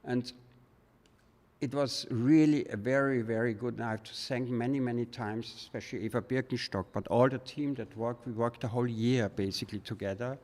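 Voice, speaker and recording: A man's voice: medium pitch, fairly even intonation, a little fast, a little mellow. A man, an artist, giving an informal guest lecture in a reflective, loosely rambling way. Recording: long hall reverb.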